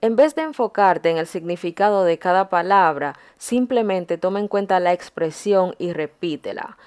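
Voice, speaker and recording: A woman's voice: fairly low pitch, lively intonation, moderate pace, a little mellow, clear, resonant tone, no echo. A young adult woman giving casual, encouraging language-learning tips as a vlogger, often laughing as she talks. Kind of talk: casual to-camera advice talk.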